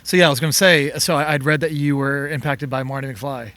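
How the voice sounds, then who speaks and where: A man's voice: a little high, steady tone, fast, a bit bright. A man hosting a casual interview, encouraging his guest and laughing easily. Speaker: interviewer host.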